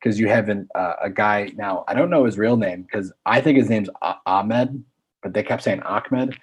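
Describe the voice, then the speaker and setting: Husky low-voiced man chatting sports. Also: fairly quick. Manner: easygoing, hesitant with ums. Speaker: podcast co-host. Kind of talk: casual sports chat.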